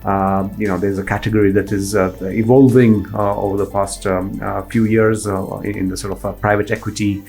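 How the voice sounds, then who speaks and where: A man hosts a podcast interview in a low, gravelly voice. He talks in halting bursts full of fillers. Faint music plays softly behind him. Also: flat delivery. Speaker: podcast host.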